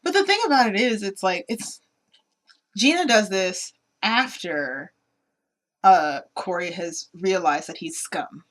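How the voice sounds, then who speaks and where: A woman in casual podcast chat, recounting a movie scene by scene. She slips in and out of the characters' voices as she tells it, animated and conversational. Her voice sits at an ordinary middle pitch. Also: slow pace. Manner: animated retelling, acts out characters' lines. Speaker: podcast co-host. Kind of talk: casual film discussion.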